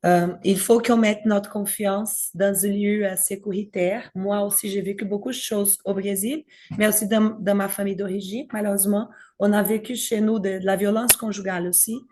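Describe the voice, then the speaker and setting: A woman with as her guides a faith discussion group in a gentle, welcoming way. She sometimes stops to hunt for the right word. Her voice sits in the middle of the female range. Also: mid-range voice, steady tone, normal speed, hardly any pauses. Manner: gentle and inviting, searching for words.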